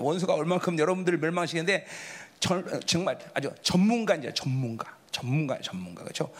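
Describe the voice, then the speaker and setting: A man preaching a sermon to his congregation in a very high, husky voice. His pitch leaps and plunges all the time, from high cries down to low murmurs. He stops now and then to call on people in the pews by name. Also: fairly bright tone. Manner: calls on congregation members by name. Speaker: pastor.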